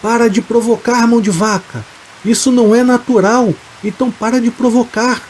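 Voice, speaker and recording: A man voicing a worried older father who shouts urgent warnings at a reckless companion. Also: very high voice, steady tone, moderate pace, a little hiss or hum, voice pushed up. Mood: alarmed.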